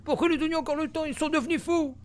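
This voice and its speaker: A man's voice: very high-pitched, fairly even intonation, quick pace, pitched above the performer's own voice. A man voicing an alarmed fantasy quest-giver who calls for help, declaiming the quest text urgently.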